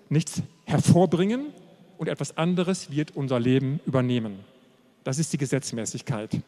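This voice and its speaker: A man preaches a sermon with a somewhat high voice, pressing his points and slowing down on the key words. His voice rings out with a long reverb, as in a large church hall. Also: darkish tone. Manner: emphatic, repetitive, slows down to stress key phrases.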